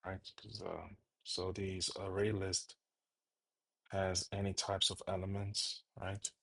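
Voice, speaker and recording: A man with a very deep, gravelly voice talks slowly through a coding tutorial. He thinks aloud, stops and corrects himself often, and his husky tone has a bright edge. The recording is dry and close, with mouse and keyboard clicks behind him. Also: completely flat delivery, no room sound. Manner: halting, thinks aloud with fillers and self-corrections. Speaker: programming tutor.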